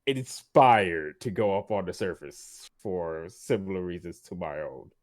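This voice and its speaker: A man voicing a tipsy, good-natured engineer in a tabletop game, halting and full of fillers. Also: low-pitched, dry recording, studio quality.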